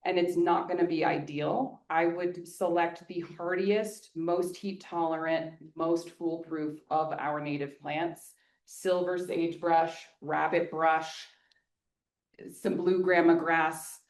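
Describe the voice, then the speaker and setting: A woman landscape designer giving an energetic, joking talk at a neighborhood meeting, then answering audience questions. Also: lowish voice, takes it slowly. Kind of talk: public presentation with audience Q&A. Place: meeting hall. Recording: echoey hall.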